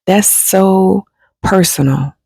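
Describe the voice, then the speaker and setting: A woman's voice: medium pitch, slow, creaky, warm tone, husky, dry recording. A woman giving a reflective spiritual talk, musing unhurriedly and turning emphatic and jokey with casual slang. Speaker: spiritual advice speaker.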